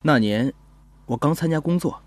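A man voicing a young police officer who tells his story in a calm, gentle, measured first-person narration for an audio drama. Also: fairly high pitch, dry recording, clean studio sound, lightly acted.

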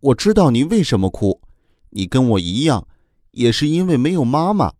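A man's voice: mid-range voice, big pitch swings, a little slow, a little mellow, no echo, studio quality. A man voicing a kind-hearted little dragon boy in a children's audio story, speaking earnestly. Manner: earnest, comforting.

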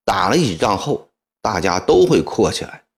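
Guy doing a stern commander yelling out to his troops in an audiobook, low voice, big swings. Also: big pitch swings, moderate pace, gravelly. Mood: rousing. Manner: loud, formal speech to massed soldiers. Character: stern middle-aged male commander rallying troops. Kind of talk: audiobook character voicing.

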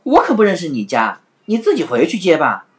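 A woman's voice: fairly low pitch, wildly swooping pitch, brisk, faint music behind, voice pushed up. A woman voicing a nervous young male waiter at an inn, given to startled exclamations. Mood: alarmed. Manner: jumpy, exclaiming.

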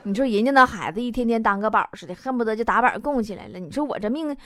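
High lively woman telling jokes. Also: fast, very noisy. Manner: wry, self-mocking, chatty. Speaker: host. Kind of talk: comic storytelling monologue.

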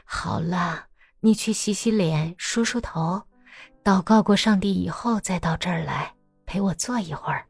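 Here is a hushed, breathy young wife near death, her words thin and weak but tender toward her children, as a woman reader puts her on. The voice sits a touch low and dry, close to the mic, with faint music beneath it in a storybook reading. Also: measured pace, no echo, heavily acted. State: gravely ill, weak.

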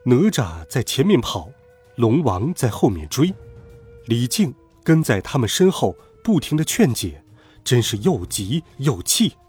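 A man telling a classic myth as scripted storybook narration, dramatic and expressive. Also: medium pitch, measured pace, husky, faint music behind.

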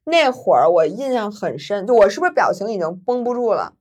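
A woman podcast host, telling a story in lively casual chat and laughing often. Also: medium pitch, brisk.

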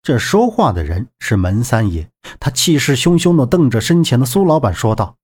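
A man narrating an adventure audiobook with dramatic, expressive storytelling. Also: mid-range voice, moderate pace, husky. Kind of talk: scripted narration.

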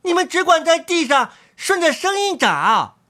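A woman's voice: very animated, normal speed, exaggerated voice. A woman doing a tiny cheeky storybook boy. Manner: shrill, teasing, calls out loudly. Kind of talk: storybook reading.

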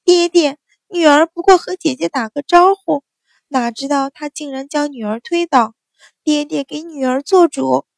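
Woman voicing a bratty spoiled young girl, shrill and high-pitched, loud, whiny, storybook reading. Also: lively intonation, moderate pace, no room sound. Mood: wailing. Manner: shrill crying tantrum voice.

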